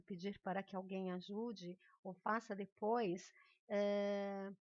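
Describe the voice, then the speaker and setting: This recorded remote class is led by a woman whose accent is Brazilian Portuguese and whose voice is mid-range. She checks in with students often in a patient, encouraging manner, and the audio is dull, with no room sound.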